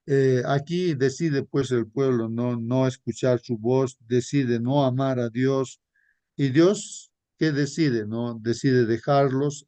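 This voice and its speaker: A man leading a Sabbath school Bible study, slow and repetitive, often calling his listeners brothers. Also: medium pitch, a little mellow, no room sound.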